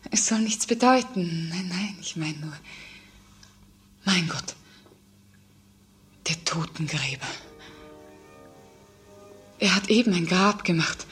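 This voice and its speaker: A tender young daughter, anxious, lowish voice, radio play, faint music. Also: female voice, fairly bright tone, husky, full character voice. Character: earnest young daughter, gentle. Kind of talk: classic radio play acting.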